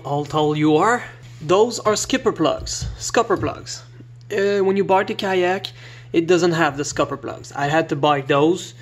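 A man whose first language is not English, casually walking through a kayak he holds the camera over, talking haltingly with many fillers and restarts. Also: fairly high pitch, gravelly. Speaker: kayak reviewer. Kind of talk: casual product walkthrough. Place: indoors beside a kayak, camera in hand.

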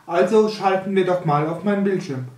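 A man in his thirties making a casual announcement to camera as a video host, measured and hesitant, recorded in a small room from a distance. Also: high voice, a little mellow, soft background music. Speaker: YouTube host of a pipe smokers' channel. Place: small furnished room indoors. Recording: roomy echo, distant microphone.

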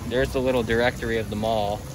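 With steady outdoor noise underneath, a teenage boy chats quickly through a casual night-time vlog, phone at arm's length as he strolls a mall. His medium-pitched delivery is loose and packed with fillers, and he signs off upbeat.

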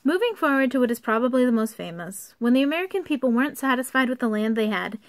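A young woman giving an earnest, somewhat halting rant to camera from a basement, partly reading from her notes. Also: a little high, expressive. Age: young adult. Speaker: vlogger. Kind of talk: informal video rant, partly read from notes. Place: unfinished basement used for storing workout equipment.

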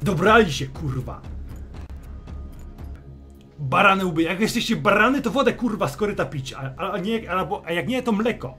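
A gruff, foul-mouthed fantasy general, as a game master puts him on bellows and sneers at his soldiers in a raised, lively voice. He keeps swearing and mocking them like a drill commander, with faint music behind. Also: high voice, normal speed, long pauses, pitched above the performer's own voice. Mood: furious scolding. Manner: shouting, sarcastic, swears constantly. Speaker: fantasy general addressing troops.

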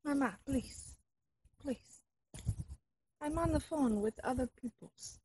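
A woman doing a high-voiced fake Russian spy. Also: lively intonation, takes it slowly, husky, exaggerated voice, low-quality recording. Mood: exasperated pleading. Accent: put-on Russian. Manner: broken English, hushed conspiratorial whisper; pleading with her mother over the phone, repeating herself. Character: self-styled fake Russian spy woman, earnest and pleading. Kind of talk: comedy character sketch.

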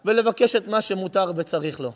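High-voiced rabbi preaching in a hall. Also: male voice. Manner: impassioned storytelling, rhetorical questions. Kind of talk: sermon. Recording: reverberant hall.

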